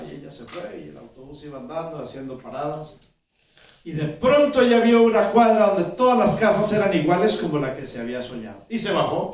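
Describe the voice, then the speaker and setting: A male pastor telling a story in a sermon, with vivid storytelling that swings between loud and hushed. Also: a little high. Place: church sanctuary. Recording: echoey church from far off.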